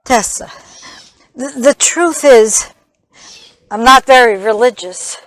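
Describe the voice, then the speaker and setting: An actress playing a gentle, hesitant older woman in a stage play, stammering softly as she offers comfort. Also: a little high, slow, no room sound, rough recording. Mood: earnest. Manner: hesitant, stammering, soft-spoken.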